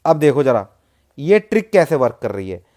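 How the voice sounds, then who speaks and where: In a casual explainer for viewers, a man with a mid-range, darkish voice and big pitch swings goes through a matka number chart step by step at a normal speed. The tipster is chatty and often repeats himself.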